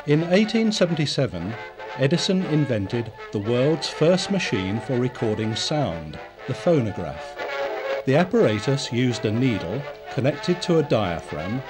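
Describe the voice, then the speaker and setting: A man giving scripted documentary narration in a measured storytelling manner. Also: medium pitch, very animated, music in the background.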